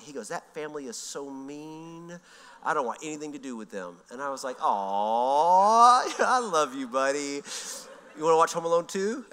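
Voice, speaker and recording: A man, telling a story in a relaxed, rambling way full of fillers. His voice is bright and crisp. It carries a long reverb from a large church hall. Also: medium pitch. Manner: folksy, rambling with frequent fillers. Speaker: pastor. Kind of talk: sermon with personal story. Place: church sanctuary.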